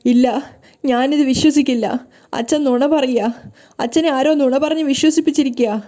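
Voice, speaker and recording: A woman voicing an emotional young daughter who asks pleading questions in slow, drawn-out lines. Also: fairly high pitch, warm tone, natural voice. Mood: distraught.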